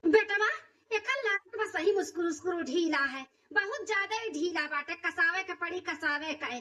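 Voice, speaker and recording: A woman's voice: very high voice, sharp tone. A woman voicing a stern village mother-in-law in a cartoon comedy, scolding her daughter-in-law in an Awadhi accent. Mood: fed up. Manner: nagging, rapid dialect scolding. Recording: distant, dull lo-fi recording.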